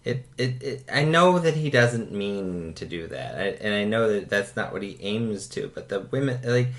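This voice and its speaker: A man's voice: lowish voice, expressive, normal speed. A man co-hosting a casual podcast chat, blunt and opinionated. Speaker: podcast co-host.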